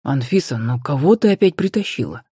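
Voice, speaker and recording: A woman's voice: medium pitch, animated, moderate pace, dark tone, no room sound, studio quality, close to an everyday voice. A woman voicing a grumpy male office colleague who speaks in a curt, exasperated way.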